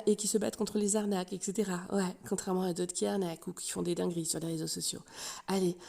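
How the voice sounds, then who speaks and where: A woman's voice: on the low side, gravelly, warm tone. A woman giving casual online commentary, chatty and hesitant, repeating words for emphasis. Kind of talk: casual gossip commentary to camera.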